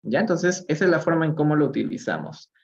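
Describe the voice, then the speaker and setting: Lo-fi sound from a phone or computer mic carries this man's rather high, gravelly, darkish voice with lively intonation. With a Peruvian Spanish accent, he leads a live English reading lesson, drawing out phrases slowly and calling on viewers by name with questions.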